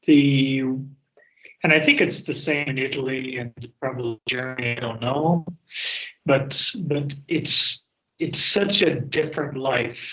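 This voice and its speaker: A man on a video call speaks slowly and deliberately, often repeating a word before going on. His pitch sits in the middle. The call sound is dull and lo-fi. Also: bright, forceful tone. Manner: deliberate, repeats words as he thinks. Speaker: participant in an online happy hour. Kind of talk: casual chat.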